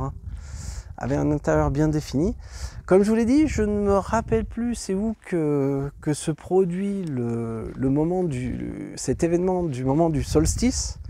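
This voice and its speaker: A man hosting a travel vlog tours a site outdoors while stuffed up from a cold, rambling with lots of fillers and restarts. His voice is fairly high and warm, with a little hiss or hum. It's walking tour commentary.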